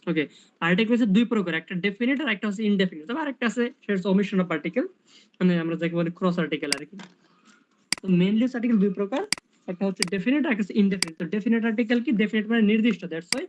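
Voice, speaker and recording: A man's voice: high voice, highs cut off, noisy background. A man tutoring English grammar in a casual online lesson, explaining step by step and asking rhetorical questions.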